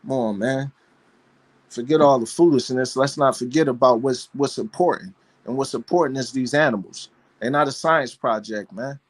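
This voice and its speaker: In a casual, passionate monologue, a man with a mid-range voice hosts a live panel show as a dog breeder, speaking at normal speed. He's fervent and preachy, leaning on rhetorical questions and repeated phrases.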